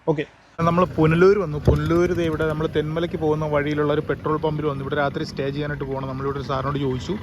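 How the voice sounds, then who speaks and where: Hoarse, fast-talking Kerala travel vlogger. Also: male voice, fairly high pitch, little pitch movement, noisy background. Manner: chatty, many fillers and "kettō" tags. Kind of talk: handheld travel vlog narration. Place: outdoors by a roadside petrol pump and stream. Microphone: handheld camera.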